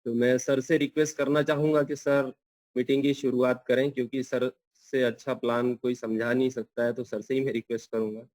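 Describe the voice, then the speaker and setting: A man's voice: mid-range voice, flat delivery, brisk, darkish tone, no echo. Respectful man opening an online meeting. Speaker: meeting moderator.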